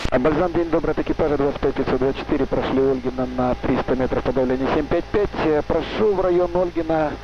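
Male pilot over a noisy, muffled radio. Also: a little high. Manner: hesitant, fills pauses with "uh". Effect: two-way aircraft radio transmission. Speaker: pilot radioing ground control. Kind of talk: clipped radio call procedure. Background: loud engine and static noise.

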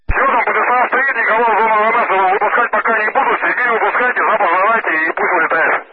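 A man's voice: high voice, fast. A man working as an airport tower dispatcher, giving operational instructions over radio. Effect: radio transmission. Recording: narrowband radio, loud static noise.

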